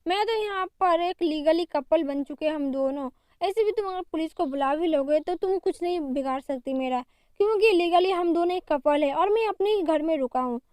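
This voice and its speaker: A smug, lazy husband lounging at ease, as a woman narrator reads him out. He is unbothered and sounds very high and mellow. The voice sits close and dry. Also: moderate pace, no room sound. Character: smug calm man, a lazy live-in husband.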